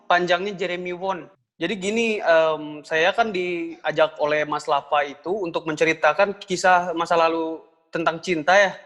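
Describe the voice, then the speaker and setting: A man's voice: a little high, steady tone, normal speed, a bit bright, lightly acted. A man playing a boastful, self-important rich guest on a comedy podcast, fussy about being interrupted. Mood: pompous.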